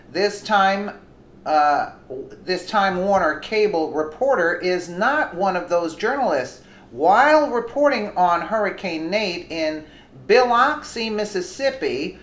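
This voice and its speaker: A woman hosting, reading a news article aloud with brief commentary. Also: mid-range voice. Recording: roomy echo, faint background noise.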